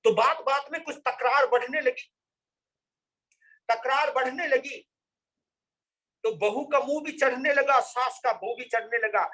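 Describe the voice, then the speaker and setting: A monk tells a long moral story in a sermon, often repeating his phrases for emphasis. His voice sits very high for a man. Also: a little slow, pauses often, bright, forceful tone, rough recording. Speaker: Jain monk.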